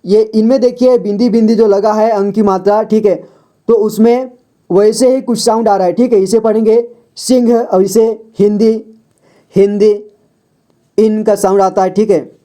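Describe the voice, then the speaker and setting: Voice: mid-range voice, fairly even intonation, moderate pace, mellow. A patient teacher giving a beginners' reading lesson in voice-over, sounding out each word, asking the learner questions and answering them, and checking in often. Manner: patient, repeats words and checks with "ठीक है"; asks the viewer questions, then answers them.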